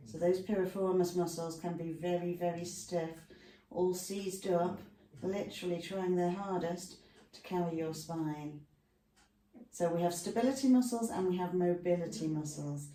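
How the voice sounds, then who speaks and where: Guiding a class through stretching from a room at home with a dog close by, this woman keeps things chatty and full of asides between instructions. Her voice is low and mellow, fairly even in intonation, at a moderate pace. There is slight background noise, an echoey room, and a distant mic.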